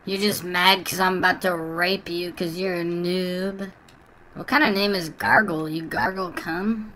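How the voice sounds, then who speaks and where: A man's voice: high voice, steady tone, measured pace, bright, forceful tone, slight background noise. A man using a voice changer to play an obnoxious, crude little kid who taunts other players in online game chat. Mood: taunting. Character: obnoxious trash-talking little kid gamer. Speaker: prank gaming video host.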